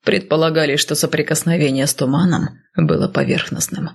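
Woman reading as a calm, dry male healer. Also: deep voice, brisk, gravelly, husky, heavily acted. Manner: level, dry, matter-of-fact.

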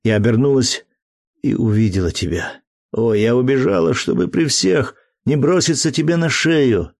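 A man's voice: medium pitch, animated, moderate pace, darkish tone, pitched above the performer's own voice. A man voicing a gushing young woman in love. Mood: ecstatic. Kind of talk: audiobook character reading.

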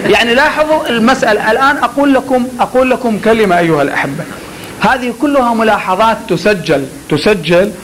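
A man's voice: high-pitched, lively intonation, fast talker, background noise. A man teaching pulpit oratory in a classroom lecture, drawing out words to demonstrate delivery and talking to his students with joking asides.

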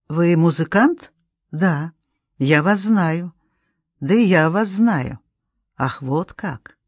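A woman reading a novel aloud as an audiobook, calm and measured. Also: fairly low pitch, no room sound, clean studio sound. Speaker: audiobook reader.

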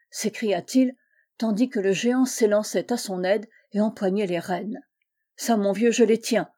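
A woman reading a short story aloud, storytelling at an even pace and lightly voicing the characters' lines. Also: mid-range voice. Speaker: audiobook reader.

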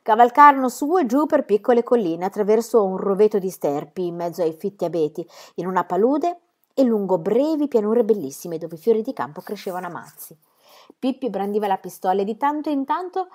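A woman reading a children's book aloud in an expressive storytelling way. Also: on the high side, a little fast. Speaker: reader.

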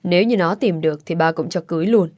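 A woman voicing a stern but soft-hearted older father in a storybook reading, speaking in a gruff, scolding way. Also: lowish voice, quick pace, no room sound, clean studio sound, lightly acted. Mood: regretful.

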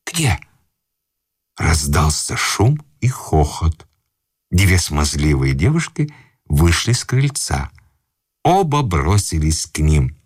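A man narrating a classic story in an expressive, measured reading. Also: extremely low pitch, breathy edge, dry recording, studio quality.

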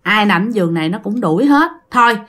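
A woman voicing a caring female hospital aide who asks and explains gently in a ghost story. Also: mid-range voice, expressive, fairly quick. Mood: hushed. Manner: soft, concerned questioning.

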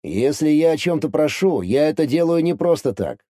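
A man reading an audiobook, voicing a calm, secretive man who speaks in a measured, condescending way. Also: on the high side, no room sound, studio quality, voice pushed up, lightly acted. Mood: weary.

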